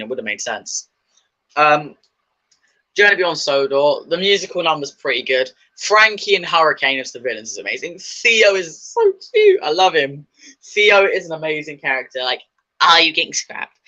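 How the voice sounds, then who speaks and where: A man's voice: fairly high pitch, sharp tone, poor audio. A man chatting casually about his opinions, rambling and enthusiastic, with many fillers and restarts. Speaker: video host.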